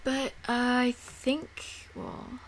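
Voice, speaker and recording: A woman's voice: a little high, little pitch movement, extremely slow, slight background noise. A woman giving a casual tutorial, rambling and often restarting or repeating her words. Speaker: tutorial maker. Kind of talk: casual screen-recorded tutorial.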